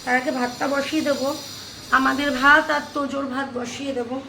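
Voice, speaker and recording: Woman from India, high pitch, casual kitchen vlogger talking viewers through her cooking. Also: little pitch movement, a little fast, vocal fry, bright, forceful tone, slight background noise, rough recording. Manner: chatty, narrates each kitchen task to viewers. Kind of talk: casual cooking vlog narration. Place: home kitchen.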